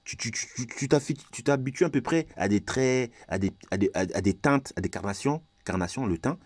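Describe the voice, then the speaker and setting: A man's voice: medium pitch, lively intonation, fairly quick, no room sound. A man from Congo ranting in a vlog monologue, confrontational and repetitive, firing rhetorical questions. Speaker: vlogger.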